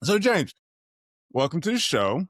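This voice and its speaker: A man's voice: on the high side, sing-song, measured pace, no echo, studio quality. A man hosting a podcast interview, upbeat and promotional, asking long, winding questions. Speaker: podcast host.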